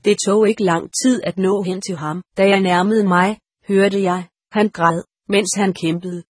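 Woman reading an audiobook, husky voice, super dry close sound, calm and measured. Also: medium pitch, no echo. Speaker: audiobook narrator. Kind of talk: scripted narration.

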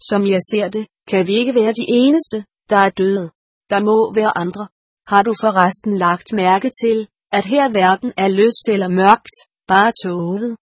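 A woman's voice: medium pitch, steady tone, no echo, clean studio sound, close to an everyday voice. A woman voicing a bewildered, earnest young male soldier's ghost with an anxious, pleading manner in an audiobook. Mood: worried. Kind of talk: audiobook character reading.

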